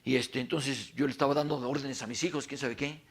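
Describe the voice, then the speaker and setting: A man's voice: medium pitch, fairly even intonation, brisk, vocal fry, husky. A middle-aged man preaching animatedly to a men's conference, full of stories and rhetorical questions. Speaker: pastor.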